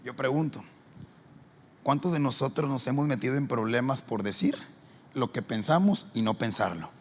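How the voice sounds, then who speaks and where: A man's voice: medium pitch, expressive, moderate pace, a little hiss or hum. A male pastor, preaching a sermon and acting out the characters in his stories. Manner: storytelling, acting out every character in turn.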